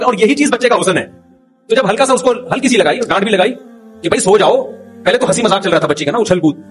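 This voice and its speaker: A middle-aged man, an Islamic cleric, giving an informal religious talk, telling stories with humor and chuckling as he goes. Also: sits high.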